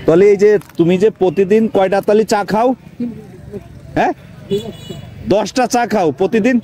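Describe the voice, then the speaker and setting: A man with a Bangladeshi Bengali accent, interviewing someone outdoors on a town street and quickly repeating their answers back as questions. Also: high-pitched, mellow.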